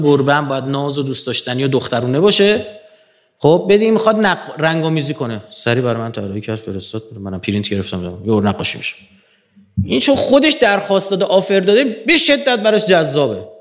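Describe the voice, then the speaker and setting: Animated male lecturer, high-ish voice. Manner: animated, swings from low murmurs to emphatic rising peaks. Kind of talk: lecture to an audience.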